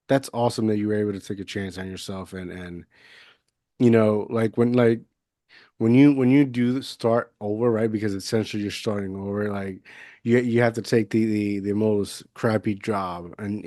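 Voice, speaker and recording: A Puerto Rican podcast host in his thirties runs a casual conversational interview in a loose, rambling way, full of fillers and restarts. His lowish, mellow voice stays steady at a normal pace, and the sound is dry and clean, captured on a budget USB mic over a video call.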